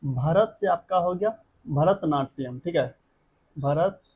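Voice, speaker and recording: A man's voice: a little high, measured pace, darkish tone, husky, highs cut off. A man, teaching an exam coaching lesson. He drills a memory trick through chanted repetition and keeps checking that the class follows.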